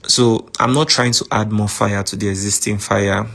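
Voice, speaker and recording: Low flat-voiced Nigerian man, voice message, calm measured account. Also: creaky. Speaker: podcast host. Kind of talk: recorded voice message to a friend.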